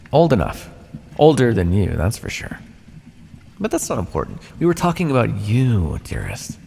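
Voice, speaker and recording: A man plays an ancient vampire jailer taunting his prisoner in ASMR roleplay with smug condescension. His darkish voice swings widely in pitch and drops into a gravelly creak, with theatrical pauses. Long reverb and a noisy background fill the recording.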